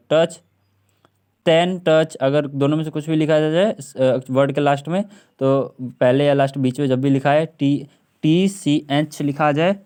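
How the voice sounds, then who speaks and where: Repetitive teacher, drawn-out words. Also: male voice, fairly high pitch, a little mellow. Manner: repeats words over and over, drawn out, with frequent throat clearing. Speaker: English teacher. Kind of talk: classroom lesson on silent letters.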